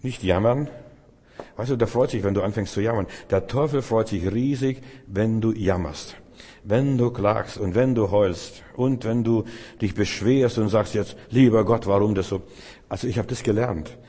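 A man with a lowish, mellow, slightly rough voice preaches a sermon at a moderate pace in a large hall. He addresses the listener directly as "du," repeating phrases emphatically.

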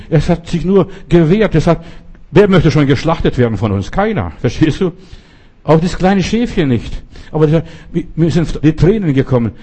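A man's voice: fairly high pitch, warm tone. A middle-aged man preaching a sermon, emphatic and repeating key words for stress.

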